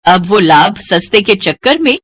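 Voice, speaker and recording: A woman's voice: medium pitch, very animated, moderate pace, fairly bright tone. A woman narrating a family story. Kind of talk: scripted narration.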